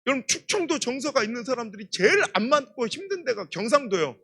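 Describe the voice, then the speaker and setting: Middle-aged pastor preaching a revival, bright husky voice, really emphatic storytelling. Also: male voice, very high voice, big pitch swings, fast. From Chungcheong, Korea. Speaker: guest pastor. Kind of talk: revival sermon.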